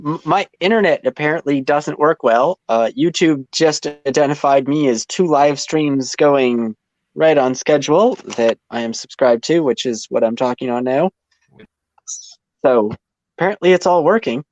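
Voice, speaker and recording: A man's voice: a little high, moderate pace, a little mellow, dry recording, lo-fi sound. A man joining a casual livestream as a guest, offhandedly describing his connection troubles.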